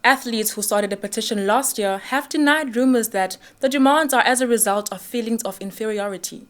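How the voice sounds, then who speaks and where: A woman anchor reads mock headlines with a crisp, wry delivery. Her voice sits fairly high. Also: fairly quick, a bit bright. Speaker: news anchor. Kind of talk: mock-serious news narration.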